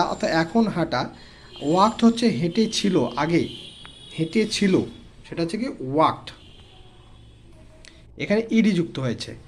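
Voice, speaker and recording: A man with a Bengali accent teaching an online English lesson for children, saying each word, repeating it and translating it. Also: high-pitched.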